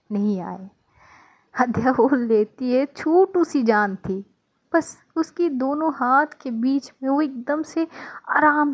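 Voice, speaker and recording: A woman narrating a serialized romance story in a conversational, storytelling way. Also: a little high.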